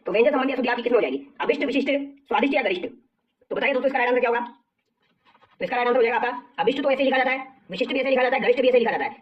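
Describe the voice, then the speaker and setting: A woman rattles through exam questions at a very fast clip, her voice sitting a bit high. She drills each answer twice and keeps addressing her viewers as friends. The sound is distant and dull, as if picked up from across the room on a lo-fi mic. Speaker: exam prep teacher. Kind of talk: rapid exam-question walkthrough.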